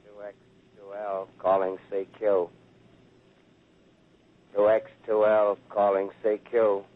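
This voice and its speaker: An actor playing a lone ham radio operator who calls out slowly over a distant, static-filled 1930s radio broadcast that sounds like a mistuned ham radio. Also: male voice, fairly low pitch. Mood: desolate. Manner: slow, flat, repeated call signs. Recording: tinny old radio-drama broadcast.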